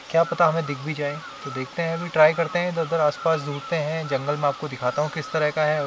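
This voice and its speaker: Brief: male camping vlogger, a touch high-pitched, chatty on-camera explainer, outdoors with faint bugs and birds behind. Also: background noise. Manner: chatty, explains each step to viewers. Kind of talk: casual vlog narration to camera. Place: outdoors at a forest campsite in the hills.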